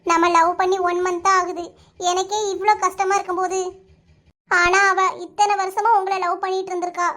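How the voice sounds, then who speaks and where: A young cartoon sweetheart with a piping, almost childlike voice. She speaks with a Kanyakumari Tamil accent, whining and shrill, easily wounded and close to tears. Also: little pitch movement, fairly quick, bright, forceful tone. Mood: anxious. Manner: shrill and whiny, stammers when upset. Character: young woman lover, squeaky, touchy and tearful. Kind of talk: cartoon voice acting.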